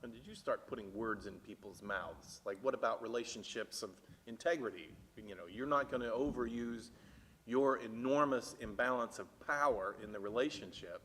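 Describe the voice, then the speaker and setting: A man leading a church Bible discussion, thinking aloud with halting restarts and growing animated when he reads the text aloud. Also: medium pitch, slight background noise. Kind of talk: casual discussion. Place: church meeting room. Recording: church room with long reverb.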